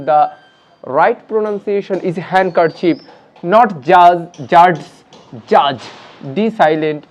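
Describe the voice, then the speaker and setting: A man teaching a spoken English lesson, slowly contrasting wrong and right pronunciations. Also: sits high, darkish tone, dull audio.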